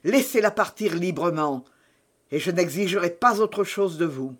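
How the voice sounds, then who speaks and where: A man voicing a fervent young male zealot who grows loud and accusing as he speaks. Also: sits high, lively intonation, normal speed. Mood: solemn. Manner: intense, rising to loud declamation.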